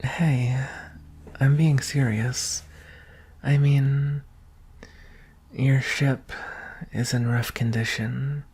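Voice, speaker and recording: In an ASMR roleplay of soft, intimate acting, a man plays a gentle, vulnerable young alien prince. His medium-pitched voice is soft and breathy, often whispering, and he speaks hesitantly and earnestly, slowly, with long pauses.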